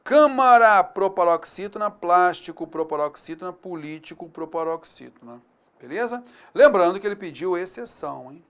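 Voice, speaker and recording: A man's voice: high voice, moderate pace. Upbeat Brazilian male grammar teacher. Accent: Brazilian Portuguese. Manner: upbeat, energetic, stresses key words loudly. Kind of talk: recorded online exam-prep lesson.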